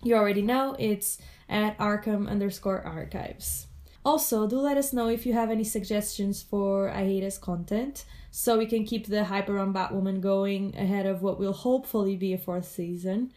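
A woman's voice: mid-range voice, fairly even intonation, normal speed, hardly any pauses, dark tone. A woman with a head cold hosting a casual podcast chat. She sounds a little stuffy and nasal, and she talks in a chatty way with frequent laughs. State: congested from a cold. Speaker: podcast host.

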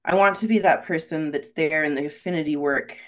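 Speaking a little fast in a voice that sits low, a woman interviewed on a podcast talks about her work as a rock climbing guide. She's earnest and reflective, candidly sharing and often tagging her points with "right?"

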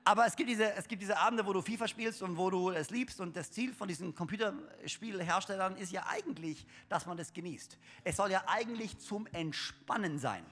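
A man's voice: high voice, fairly quick, few pauses, fairly bright tone. A young man preaching a humorous sermon to his congregation, chatty and joking, with lots of fillers and restarts. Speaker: pastor. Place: church hall. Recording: long hall reverb.

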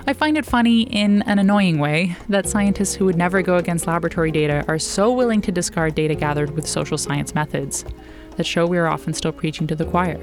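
A woman with an American accent hosting a podcast, reading scripted narration in an articulate, measured way. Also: on the low side, music in the background. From northern New Mexico, United States. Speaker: podcast host.

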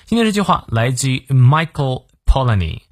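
A man's voice: medium pitch, sing-song, moderate pace, no room sound, clean studio sound. A man hosting a daily morning English lesson, explaining a quote word by word in a patient, explanatory way, with frequent "ah" fillers between phrases. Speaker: English teacher and host.

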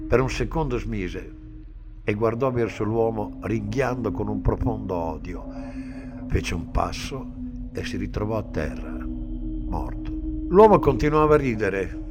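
A man reading a dark story aloud in a slow, somber dramatic manner. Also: lowish voice. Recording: music bed under the reading. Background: music underneath.

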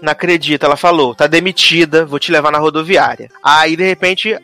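A man's voice: a little fast, soft background music. A man co-hosting a casual chat, retelling a TV episode and acting out the characters' lines. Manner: animated storyteller acting out characters' lines in a high voice. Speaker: podcast co-host.

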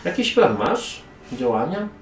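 A man's voice: mid-range voice, big pitch swings, a little slow, slight background noise, voice pushed up. A man voicing a sarcastic, condescending young woman from a merchant family in a tabletop game. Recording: echoey room, mic far off, music behind.

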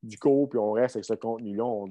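This strength coach guest, a middle-aged Québécois man, recounts his coaching career in casual conversational storytelling. He speaks fast in a lowish, mellow voice with fairly even intonation, blunt and rambling, full of fillers and restarts.

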